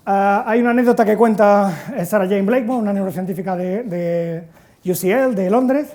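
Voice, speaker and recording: A man, giving a lively talk at an education conference. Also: high-pitched, normal speed. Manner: lively storytelling, acts out quotes loudly. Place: conference hall.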